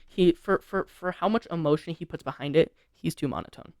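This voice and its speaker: A man's voice: fairly high pitch, a little fast, no room sound, studio quality. A teenage boy hosting a casual podcast, rambling through song criticism with many restarts and fillers. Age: teens. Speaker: podcast host. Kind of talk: casual chat reviewing songs.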